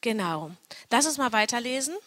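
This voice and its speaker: A woman's voice: a little high, animated, normal speed, a bit bright, long reverb tail. A woman in her thirties gives an earnest, personal Bible teaching, often checking in with "ja?" as she talks.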